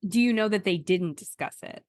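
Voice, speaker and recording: A woman co-hosting a chatty podcast, animated and quick to laugh, with teasing, mocking asides. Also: medium pitch, no room sound, clean studio sound. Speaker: podcast co-host. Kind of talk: casual chat.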